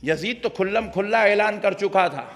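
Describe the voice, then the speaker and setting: A man preaching a fervent sermon to a gathering, building repeated refrains that rise to shouts. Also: high voice, lively intonation. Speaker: Islamic preacher. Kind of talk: impassioned sermon. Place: religious gathering with a live audience. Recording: long hall reverb.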